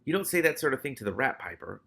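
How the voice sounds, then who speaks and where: A man's voice: medium pitch, big pitch swings, quick pace, vocal fry, sharp tone, breathy edge, pitched above the performer's own voice, heavily acted. A man voicing an earnest, trusting boy in a storybook reading, plain-spoken and a little worried.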